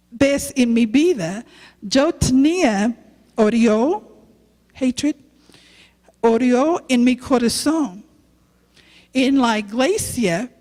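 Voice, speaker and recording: Woman preacher, slow halting sermon in a church with long reverb. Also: fairly high pitch, darkish tone. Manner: halting non-native Spanish, slow and earnest. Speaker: guest preacher, youth pastor. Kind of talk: sermon with personal testimony.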